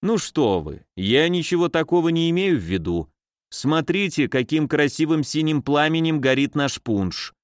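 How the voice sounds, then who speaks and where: A man's voice: a little high, animated, moderate pace, no room sound, close to an everyday voice. Guy reading a sneaky teasing footman, dry close voice, storybook. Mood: sly, teasing. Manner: sly, teasing. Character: sly, mischievous male footman.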